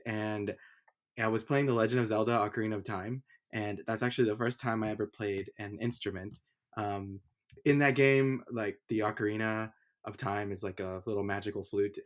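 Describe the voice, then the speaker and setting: Low-voiced man from Honduras, chatty. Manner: relaxed, rambling with many fillers. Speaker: guest, music producer. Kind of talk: conversational interview.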